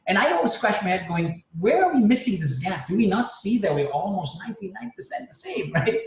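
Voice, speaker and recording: With a high voice, he sounds very animated and brisk. He's a man in his fifties from Spain appearing as a panel guest in a casual group video chat, musing reflectively with many restarts and tag questions like "right?", captured on a distant mic in a roomy space with faint noise behind him.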